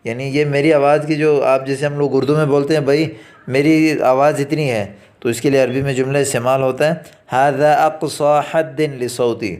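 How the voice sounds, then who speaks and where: A male teacher giving a classroom lesson, reading each Arabic phrase slowly and deliberately and then explaining it quickly in Urdu. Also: medium pitch, fairly even intonation, darkish tone. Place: academy lesson recording.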